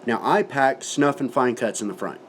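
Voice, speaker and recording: A man's voice: medium pitch, normal speed, slight background noise. A man giving a casual, folksy product review to camera, talking with his lip packed full of dip and swearing now and then.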